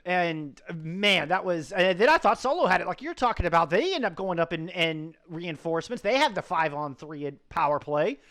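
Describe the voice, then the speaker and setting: A man co-casting an esports match, excitable and full of hype as he wraps up and thanks the chat. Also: high voice, normal speed, hardly any pauses. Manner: excitable, hyped, shouts of praise. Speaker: esports co-caster. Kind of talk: esports post-match commentary.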